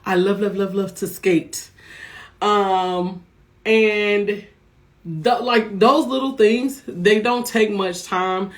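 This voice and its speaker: A woman's voice: medium pitch, steady tone, slow. A woman business coach talking casually from her office, chatty and encouraging, often checking in with her listeners. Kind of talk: casual motivational talk to viewers.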